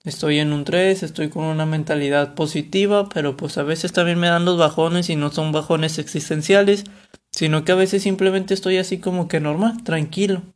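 Young mexican guy chatting about a book, kinda high voice, keeps correcting himself. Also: steady tone, normal speed. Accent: Mexican Spanish. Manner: rambling, self-correcting, colloquial. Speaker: vlogger reviewing a book. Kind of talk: casual talk to camera.

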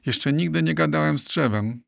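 A man voicing a cheerful, excitable male guinea pig in an audiobook, exclaiming playfully. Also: fairly high pitch, moderate pace, gravelly, no room sound, clean studio sound, pitched above the performer's own voice. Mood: amazed.

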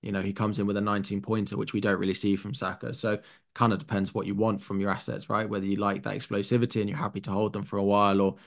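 A man's voice: lowish voice, level tone, rapid-fire, creaky. A British man appearing as a guest pundit on a podcast, thinking aloud at length as he weighs his options. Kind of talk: casual podcast analysis.

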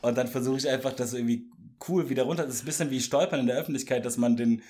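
A young man co-hosting a podcast in casual chat, relaxed and teasing, often cutting in with quick remarks. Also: medium pitch. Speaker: podcast co-host.

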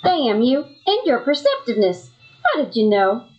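A woman's voice: fairly high pitch, huge pitch swings, normal speed, muffled recording. A woman voicing a scheming impostor wife in a parody soap opera, speaking in a melodramatic way. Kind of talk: parody radio soap acting.

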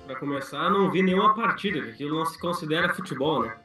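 A man's voice: fairly high pitch, animated, very fast, sharp tone, soft background music. A man, a panelist in a casual sports chat, blunt, profane and indignant. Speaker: podcast panelist.

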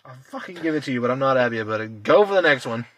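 A man's voice: mid-range voice, expressive, racing, no room sound, muffled recording. A man quizzing a friend in casual podcast banter, teasing and swearing freely. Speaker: quiz host.

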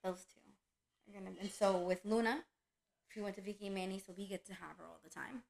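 A woman talks in an easy, casual chat, her voice carrying a gravelly edge. She tells stories with lively energy and slips into playful voices for her dogs. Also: medium pitch, quick pace, poor audio. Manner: animated storyteller, acts out her dog's voice. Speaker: dog breeder.

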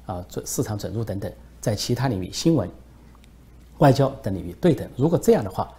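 A man's voice: on the low side, warm tone, a little hiss or hum. A man giving solo political commentary in an emphatic way, with frequent fillers.

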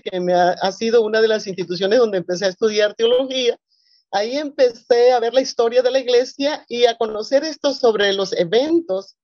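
A woman's voice: fairly high pitch, a little mellow, dry recording, muffled recording. A woman from Colombia, a pastor, speaking earnestly on a panel with many fillers and restarts. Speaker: presbyterian pastor. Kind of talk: panel discussion.

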